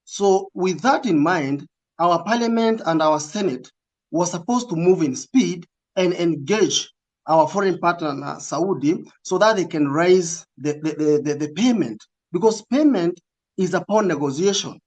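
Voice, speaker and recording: High-voiced Kenyan man, earnest and emphatic. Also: animated, measured pace, darkish tone. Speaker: recruitment agency representative, interview guest. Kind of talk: interview answers in casual, code-switching talk.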